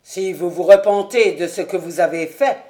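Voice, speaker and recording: A vengeful nobleman colonel, played by a woman, pitched lower than her reading voice and raised to a loud, stern force. He speaks in a challenging, measured tone, as in a dramatic audiobook reading. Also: lightly acted. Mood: furious.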